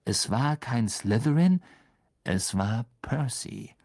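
A slow, measured audiobook narration with a gravelly edge. The intonation moves a lot, with a storyteller's rise and fall. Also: mid-range voice, expressive, darkish tone. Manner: measured storytelling with voiced characters. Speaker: reader.

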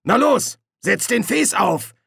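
A man's voice: very high-pitched, lively intonation, slow pace, gravelly, fairly bright tone, slightly rough, no room sound, studio quality, voice pushed up, heavily acted. A man voicing a bumbling, portly middle-aged army sergeant in an audiobook, with a raised, blustering voice. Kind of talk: audiobook character voice.

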